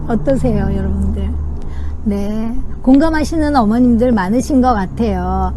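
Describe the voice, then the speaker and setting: A woman's voice: a little high, moderate pace, slight background noise. A woman parenting coach giving casual advice outdoors, speaking straight to the viewers as she explains. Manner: warm explaining, addresses viewers directly. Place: outdoors in nature.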